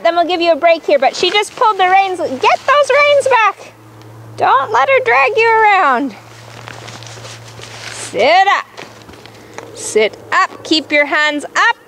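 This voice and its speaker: Very high-pitched woman calling brisk riding commands. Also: a bit bright, slight background noise. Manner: encouraging, firm, repeats short instructions. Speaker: horse riding instructor. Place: riding arena.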